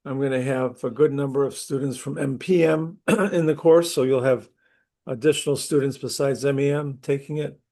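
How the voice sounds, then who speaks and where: A chatty university instructor opens an online class session over a video call, heard through his computer mic. He's losing his voice to a cold, so he clears his throat often and restarts sentences, though his mid-range voice stays steady and warm at a moderate, conversational pace.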